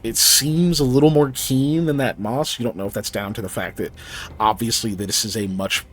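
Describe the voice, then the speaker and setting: A man's voice: medium pitch, steady tone, moderate pace, fairly bright tone, slight background noise. A man casually narrating a tabletop game as game master, explaining things in hesitant, broken-up phrases.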